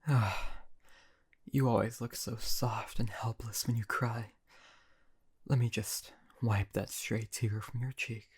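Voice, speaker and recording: Playing a cruel but doting, possessive emperor in audio roleplay, a man speaks slowly in a husky, medium-pitched voice with fairly even intonation. He's silky and condescending, frequently sinking to a whisper, with a cruelly tender mood.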